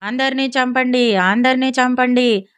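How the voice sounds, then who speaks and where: A woman voicing a furious, hot-tempered male king in a storybook, shouting repeated orders in a lower voice. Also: steady tone, measured pace, clear, resonant tone, dry recording.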